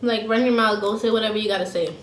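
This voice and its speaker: A woman's voice: medium pitch, fairly even intonation, fast. Young woman, casual mukbang chat, blunt, slangy, roomy room, faint background hum. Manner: blunt, slangy, laughs easily. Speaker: vlogger. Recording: roomy home sound with faint ambience.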